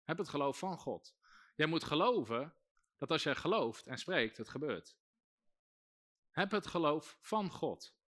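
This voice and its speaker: Delivering a sermon with rising intensity, a male pastor repeatedly calls out to the congregation, his voice fairly high-pitched and sharp in tone.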